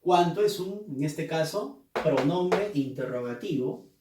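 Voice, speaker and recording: A male teacher gives a slow, deliberate grammar lesson, his fairly high voice swinging up and down as he stresses key words. He keeps checking in with his students. The sound is roomy and the mic sits some distance away. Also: expressive, heavy background noise. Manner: emphatic, drawn-out syllables on key words; checks in with rhetorical "¿ya?" and "¿no?".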